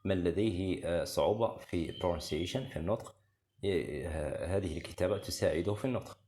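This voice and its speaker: A man with a Moroccan Arabic accent teaching English, saying each phrase slowly and repeating it before explaining it. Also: low-pitched, warm tone, slight background noise. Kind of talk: slow language lesson with repetition.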